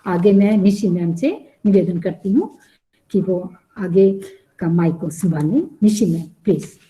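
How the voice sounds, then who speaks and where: A woman's voice: fairly low pitch, measured pace, low-quality recording. A woman teacher reciting a humorous story at a school event, voicing both husband and wife in her telling. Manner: animated, voices the husband's and wife's lines.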